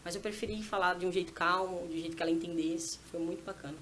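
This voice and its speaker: A woman in her thirties, a mother telling a lively personal story as a podcast guest and acting out her conversations with her small daughter. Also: lowish voice, quick pace, a little hiss or hum. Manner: animated, acts out dialogue with her child. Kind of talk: casual storytelling testimony. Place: church podcast setting.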